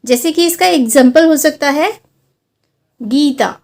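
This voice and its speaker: A woman's voice: sits high, animated, moderate pace. A woman teaching a Hindi lesson on vowel signs, explaining each one patiently and drawing out sample words to show the long and short sounds. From India.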